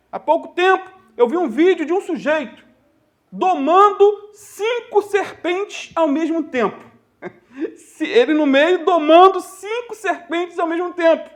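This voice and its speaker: A male pastor with a Brazilian Portuguese accent, preaching a sermon and telling stories to the congregation. He addresses his listeners as dear ones and brothers, and slows down to stress key phrases. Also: very high voice. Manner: storytelling preacher addressing the congregation as "queridos" and "irmãos".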